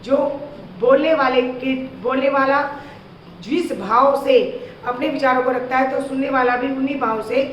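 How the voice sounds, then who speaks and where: A woman teacher giving a slow, patient grammar lesson to young children, asking them questions as she explains. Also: high voice, fairly even intonation, a little hiss or hum. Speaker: school teacher. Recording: echoey, distant, dull lo-fi sound.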